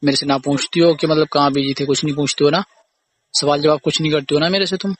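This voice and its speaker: Husky and on the high side, his voice stays steady while he talks fast. The young man, a boyfriend or husband, is in a casual argumentative phone call recording, accusing and aggrieved, repeating himself.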